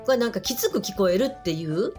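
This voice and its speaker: A woman's voice: medium pitch, lively intonation, quick pace, over music. A woman guest with a Kansai accent, telling stories in easygoing casual chat. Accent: Kansai Japanese. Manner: easygoing, storytelling.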